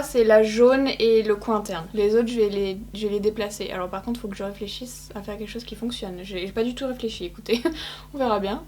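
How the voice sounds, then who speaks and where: A young woman chats her way through a makeup tutorial, speaking straight to her viewers and teasing herself. Her voice sits a little high. A faint hum runs under the recording. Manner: chatty, self-mocking, addresses viewers directly. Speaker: beauty vlogger. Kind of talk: casual makeup tutorial talk.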